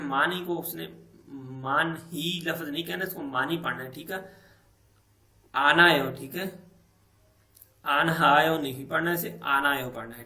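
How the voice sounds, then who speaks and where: A man's voice: on the high side, a bit bright, recorded from a distance. A man teaching a textbook language lesson, explaining each phrase step by step and checking in often. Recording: echoey room, voice set back from the mic.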